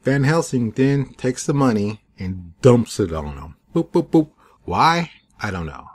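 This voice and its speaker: A man's voice: on the low side, big pitch swings, unhurried, slightly rough. A man giving a casual, rambling, digressive review of a TV episode into a desk microphone at home. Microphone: USB desk microphone.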